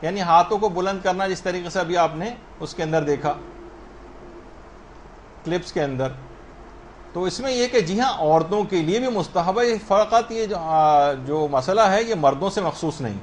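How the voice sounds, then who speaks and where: A man with a fairly high voice leads a religious lesson on how to pray correctly. He works through one ruling after another, raising common questions and settling them himself. A faint background hum sits under his voice. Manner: explanatory, asks and answers questions himself; spells out correct pronunciation slowly. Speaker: religious teacher.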